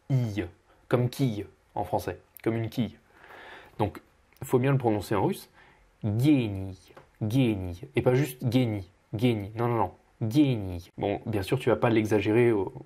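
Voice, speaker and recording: A man teaching pronunciation as he corrects a student, patiently repeating each word slowly. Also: on the low side, warm tone, husky. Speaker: Russian language teacher.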